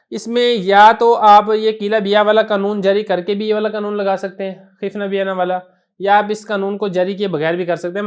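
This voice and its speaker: A man's voice: sits high, clear, resonant tone. A man with a Pakistani Urdu accent teaching a grammar lesson, patiently spelling out word forms one at a time.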